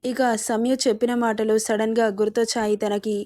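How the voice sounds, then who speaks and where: A woman narrating a serialized story in an even storytelling delivery. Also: fairly high pitch, normal speed.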